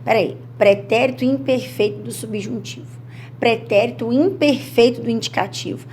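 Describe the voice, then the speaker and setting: A woman with a Brazilian Portuguese accent teaching an exam-prep grammar lesson, chatty and animated, acting out students' worries. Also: fairly high pitch, normal speed, slight background noise.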